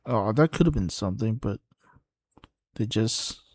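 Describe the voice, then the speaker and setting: A man streaming a live watchalong, halting and thinking aloud as he reacts to the play. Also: lowish voice, lively intonation, darkish tone, no room sound. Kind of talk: casual live match commentary.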